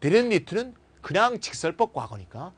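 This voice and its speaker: A middle-aged man gives a recorded grammar lecture in a high-pitched, husky voice at an unhurried pace. Lively, he switches between formal and casual speech, acts out short everyday lines, and often asks students to confirm they follow.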